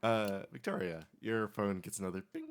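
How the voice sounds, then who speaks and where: A man's voice: fairly low pitch, big pitch swings, a little fast. A man running a tabletop game, narrating casually and hesitantly as he searches for words. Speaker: game master.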